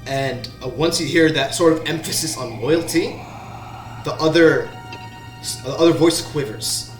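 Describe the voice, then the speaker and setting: A man narrating as game master in the second person, slow and halting with restarts. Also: on the high side. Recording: roomy sound, faint background music.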